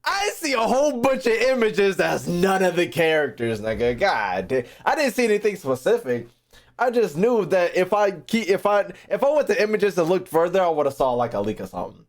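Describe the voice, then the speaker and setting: With a high, sing-song voice at normal speed, a man streams games and chats casually in response to his live chat. His talk is slangy and full of swearing, and he repeats phrases as he thinks out loud.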